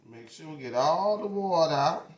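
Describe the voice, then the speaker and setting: A woman's voice: sits low, expressive, moderate pace, darkish tone. Chatty woman teaching crafts in an echoey room. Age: 40s. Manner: chatty, folksy, often corrects herself mid-sentence. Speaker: craft channel owner. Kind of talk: casual hands-on craft tutorial. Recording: roomy echo.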